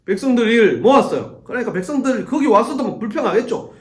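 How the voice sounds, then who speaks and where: A middle-aged male youth pastor preaching a sermon to teenagers in a church, telling the story with animated storytelling. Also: extremely high pitch, fast talker. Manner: animated storytelling, acts out quoted voices. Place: church sanctuary. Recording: echoey church room.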